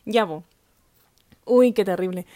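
A young woman with a Chilean accent, co-hosting a podcast and telling a story in casual chat, with animated delivery and squealing laughs. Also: mid-range voice, slow, no room sound, studio quality. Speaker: podcast co-host.

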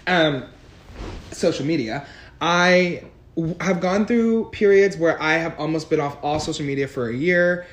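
Young male co-host, playful teaser, a bit high-pitched, recorded in a roomy space. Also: a little slow, a bit bright. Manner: joking, laughs and teases often. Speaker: podcast co-host. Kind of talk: casual chat. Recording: echoey room.

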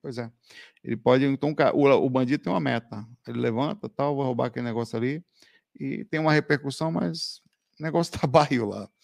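A man's voice: mid-range voice, quick pace, creaky, dry recording. Guy on a live stream telling creepy stories, laughs a lot, dry close sound. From Brazil. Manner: animated storytelling, laughing, slangy with "velho" and "cara". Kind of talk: casual live chat answering viewer questions.

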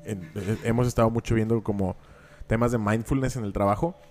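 A man's voice: on the low side, steady tone, brisk, a little mellow. A man in his thirties with a Mexican accent, co-hosting a podcast, telling stories in slangy casual chat. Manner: slangy, storytelling, swears casually. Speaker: podcast co-host.

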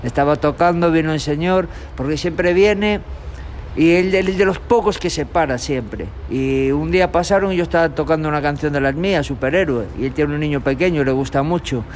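A young man from Galicia, a street guitarist, talking in a relaxed, rambling way in an outdoor tunnel. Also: a little high, a little fast, slight background noise. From Galicia, Spain. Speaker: street musician. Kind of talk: street interview. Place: tunnel in a city park, outdoors.

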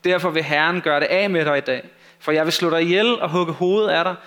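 Brief: preacher reading the part of a confident young shepherd, earnest and slightly raised. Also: male voice, on the high side, steady tone, a bit bright, close to an everyday voice.

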